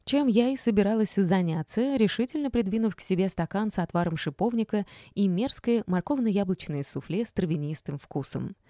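A woman reading a first-person novel aloud as audiobook narrator, in a wry, measured storytelling manner. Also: mid-range voice, expressive, mellow, no room sound, clean studio sound.

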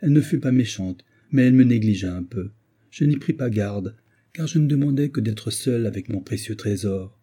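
A man reading the part of a gentle young wife and mother in a tender, pleading tone. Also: medium pitch, normal speed, breathy edge, close to an everyday voice.

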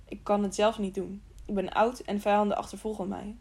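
A woman's voice: medium pitch, flat delivery, brisk, vocal fry, darkish tone, breathy edge. A woman reading the lines of a mysterious old man in a hooded robe, who talks in an urgent, pleading way.

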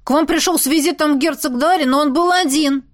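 A man's voice: very high-pitched, a little fast, a bit bright, pitched above the performer's own voice. A woman voicing a nervous male castle guard who apologizes. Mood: apologetic.

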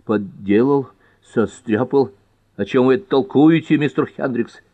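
A man's voice: lowish voice, expressive, brisk, dry recording, dull audio, close to an everyday voice. A man reading a jokey, nervous pharmacist. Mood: evasive. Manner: joking, evasive. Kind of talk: audiobook character reading.

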